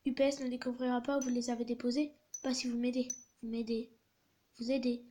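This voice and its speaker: A woman voicing a scheming young delivery driver from a text-message story, brash and persuasive. The voice is high and light for a man. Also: little pitch movement, fairly quick, warm tone, a little hiss or hum, lightly acted.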